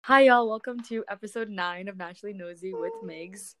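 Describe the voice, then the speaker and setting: Woman podcast host, casual chat, friendly chatty questions, mid-pitched voice. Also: a little fast, a bit bright, slight background noise, rough recording.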